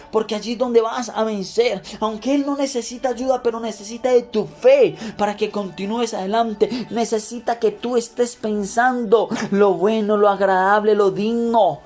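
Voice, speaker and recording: Fervent preaching man over soft music. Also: high voice. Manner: fervent, emphatic preaching with repeated phrases. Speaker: pastor. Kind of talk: devotional sermon with scripture reading.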